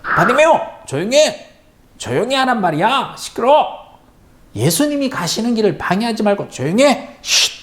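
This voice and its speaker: A man voicing an irritable crowd of bystanders who snap sharp shushing commands. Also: very high-pitched, big pitch swings, moderate pace, pitched above the performer's own voice, full character voice. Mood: scolding.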